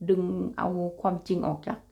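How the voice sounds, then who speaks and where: Speaking fairly quickly, this young vlogger with an Isan (Northeastern Thai) accent chats casually with her audience, addressing them as brothers and sisters and laughing a lot. The high frequencies in the audio are cut off.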